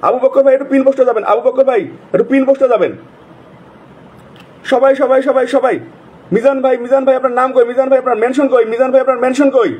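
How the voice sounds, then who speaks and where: A man hosting a live stream, repeatedly calling out viewers' names in rapid, repetitive bursts. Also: very high-pitched, fairly even intonation, a little mellow, breathy edge. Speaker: livestream host. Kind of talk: casual live-stream shout-outs.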